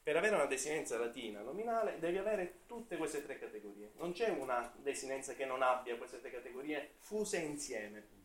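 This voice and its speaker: A man's voice: mid-range voice, expressive, a little fast, a little hiss or hum. Hesitant Italian man giving an academic talk. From Italy. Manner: thinking aloud, hesitant with fillers and self-corrections. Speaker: seminar presenter.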